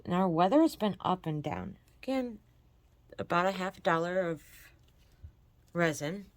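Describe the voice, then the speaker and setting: A crafting channel host from Michigan, USA, chats casually and encourages viewers as she works through a tutorial. Her voice is lowish and congested from allergies, with lively intonation and a moderate pace, and the recording is dry.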